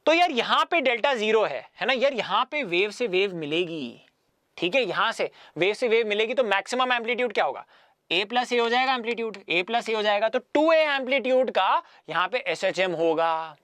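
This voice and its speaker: A man's voice: sits high, lively intonation, normal speed, bright, forceful tone, no echo. A man giving an online physics lecture in a chatty way, mixing English phrases into his talk, repeating himself and often checking that students follow. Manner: chatty, mixes English phrases into Hindi, calls students "yaar". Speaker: physics teacher. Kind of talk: online exam-prep lecture.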